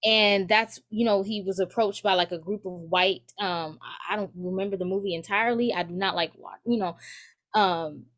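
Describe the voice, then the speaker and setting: A woman's voice: medium pitch, moderate pace, fairly bright tone. A woman student giving earnest personal testimony at a community forum, with many fillers and restarts.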